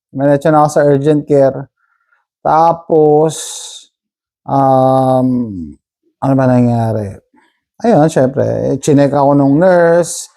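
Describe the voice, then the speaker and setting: A man's voice: on the high side, mellow. A man vlogging in casual storytelling mode, chatty and rambling, often tagging his sentences with a questioning "no?".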